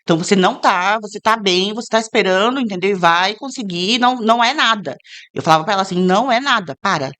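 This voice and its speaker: Woman, guest, from Brazil, earnest testimony, middle pitch, casual interview. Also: quick pace. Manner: earnest, animated when quoting others.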